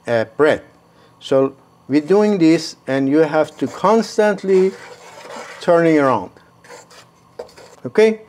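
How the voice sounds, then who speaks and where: A man in his sixties with a Persian accent, explaining a home cooking recipe step by step in an unhurried way from his kitchen. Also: on the high side, a little mellow. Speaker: cooking show host.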